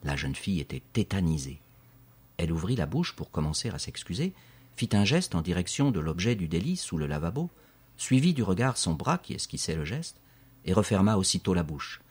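A man reads a children's story aloud with steady, expressive narration. His voice is very deep and carries a husky, breathy grain. He paces the scenes like a seasoned audiobook reader. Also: brisk.

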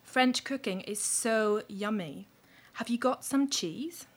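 A man's voice: sits high, slow pace, voice pushed up, full character voice. A man putting on a playful, teasing girl.

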